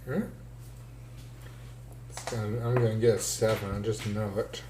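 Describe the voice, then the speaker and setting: A man's voice: lowish voice, flat delivery, normal speed, reverberant, background noise. A man playing a tabletop game who jokes and teases the others. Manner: joking, teasing. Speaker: player. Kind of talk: casual tabletop game chat.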